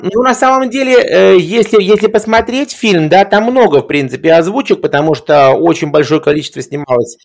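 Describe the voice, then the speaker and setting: A man's voice: high voice, animated, a little fast, vocal fry, hardly any pauses. A man discussing film in a reflective conversational way, hesitant, with erudite and formal wording.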